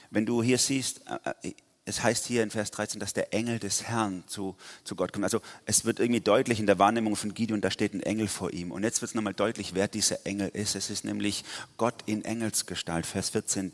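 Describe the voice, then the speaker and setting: A man preaching a lively sermon in a casual style, with slang and frequent restarts. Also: lowish voice, in a large hall.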